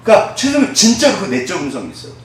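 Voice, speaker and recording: A man's voice: high voice, very fast. A male pastor preaches with a voice that climbs and drops all the time, tossing questions back at the listeners. The sound is very roomy, as if caught from some distance away in a large church. A faint hum sits under it. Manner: lively, conversational preaching with call-and-response questions; acts out quoted voices, dropping to a soft hush. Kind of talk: sermon.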